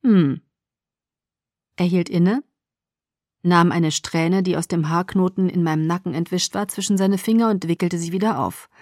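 A woman narrates a first-person novel in a gentle, expressive voice. Her pitch sits on the lower side, and the recording is dry and close. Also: normal speed, dry recording. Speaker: audiobook reader.

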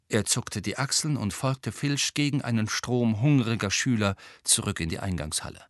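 A man narrating an audiobook in an expressive style, voicing every character. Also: fairly low pitch, no room sound. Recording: dry close studio recording.

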